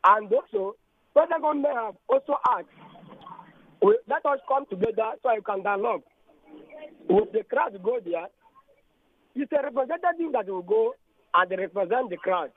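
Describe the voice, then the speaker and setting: A man calling in to a radio show by phone from a moving car, speaking in an earnest, halting way. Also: high-pitched, dry recording. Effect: phone call from a moving car. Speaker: radio call-in caller. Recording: band-limited phone line with road noise.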